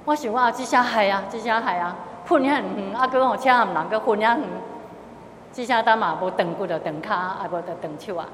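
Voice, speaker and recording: A woman's voice: on the high side, a little fast, a little hiss or hum. Middle-aged Taiwanese woman telling stories in a hall. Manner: storytelling, slips into Taiwanese Hokkien phrases. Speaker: lay Buddhist speaker sharing testimony. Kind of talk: testimony talk to a gathering.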